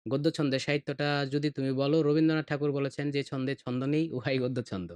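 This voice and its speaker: A middle-aged man with a Bangladeshi Bengali accent, teaching poetry meter on a podcast in a slow, patient way and reciting verses with feeling. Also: medium pitch, steady tone, a little mellow, clean tone, dry recording. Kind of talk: explanatory lesson podcast.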